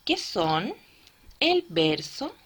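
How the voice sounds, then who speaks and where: A woman's voice: medium pitch, big pitch swings, very slow, a bit bright, slight background noise. A woman teacher explaining a lesson step by step and checking understanding with frequent tag questions. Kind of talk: recorded classroom lesson.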